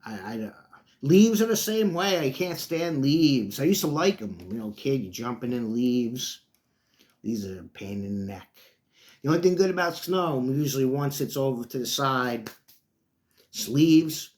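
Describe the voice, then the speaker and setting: A man's voice: medium pitch, expressive, measured pace, a little mellow. A middle-aged man hosting his own sports talk channel, chatting in a loose, rambling way and calling his listeners folks. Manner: chatty, folksy, drifts between topics, often calls listeners folks. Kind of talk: casual rambling monologue.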